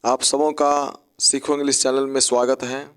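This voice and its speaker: A man's voice: medium pitch, little pitch movement, normal speed, smooth. A man teaching an English spelling lesson, breaking words into syllables and spelling them out letter by letter.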